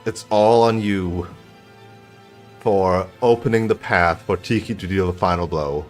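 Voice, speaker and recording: Low-voiced man streaming a video game. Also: a little slow. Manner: casual, thinking aloud. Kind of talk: live gameplay commentary. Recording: game music behind the voice. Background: video game music.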